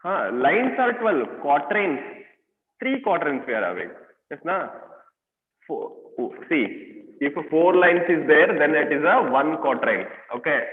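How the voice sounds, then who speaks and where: A male teacher with an Indian English accent gives an online lesson in a slightly raised voice. He explains step by step, pausing often with fillers and quizzing his students. The sound is roomy with a long reverb and comes through thin and phone-like. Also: on the high side, sing-song. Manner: halting explanations with many fillers and questions to students. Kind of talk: online class lecture. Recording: echoey room, tinny phone-like sound.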